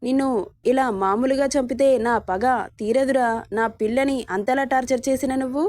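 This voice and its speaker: A woman's voice: high-pitched, steady tone, normal speed, darkish tone, lightly acted. A woman voicing a cold, taunting young avenger. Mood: taunting menace. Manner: taunting, threatening. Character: vengeful young man, hero, cold and menacing.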